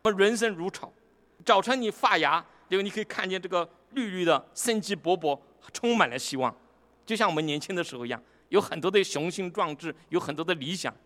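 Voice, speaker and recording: A man with a high voice delivers a sermon, expounding scripture line by line. He reads the verses slowly and deliberately, then turns to the listeners with rhetorical questions. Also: expressive, sharp tone. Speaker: preacher.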